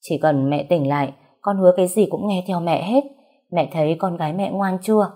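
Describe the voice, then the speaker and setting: Female reader voicing a devoted young daughter, soft and earnest, low husky tone. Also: a little fast, lightly acted.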